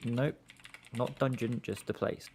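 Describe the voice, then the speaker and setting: A woman running a tabletop game as game master, describing the setting in a measured, plain way. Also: a bass voice, steady tone, gravelly, a little mellow, a little hiss or hum.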